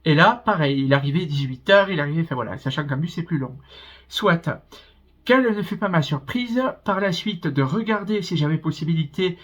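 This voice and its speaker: A man's voice: a little high, lively intonation, moderate pace, fairly bright tone, lo-fi sound. A young man with a southern French accent telling a rambling storytime in his vlog, full of hesitations. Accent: southern French, Pyrénées-Orientales. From France, Pyrénées-Orientales. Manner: chatty, rambling, many hesitations. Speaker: vlogger.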